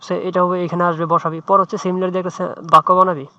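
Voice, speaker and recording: A man's voice: high-pitched, flat delivery, racing, pushed and bright, no room sound. A man tutoring English in a chatty, informal way, often checking in with "right?". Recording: muffled dry lo-fi mic.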